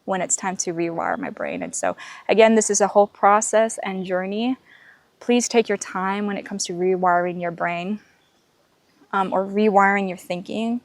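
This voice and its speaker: A woman's voice: mid-range voice, animated, moderate pace, no room sound. A woman podcast host sharing earnest, encouraging faith-based life lessons outdoors on a canopy walk, talking reflectively with lots of fillers and restarts.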